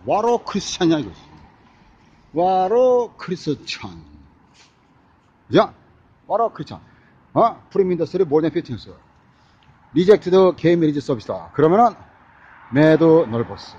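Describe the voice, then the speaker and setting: A man's voice: on the high side, sing-song, normal speed, long pauses, darkish tone, husky, lo-fi sound. A man delivering a rambling, repetitive street monologue into a phone camera, scattering English phrases and grunted fillers through his speech. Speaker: vlogger. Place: outdoors on a city street.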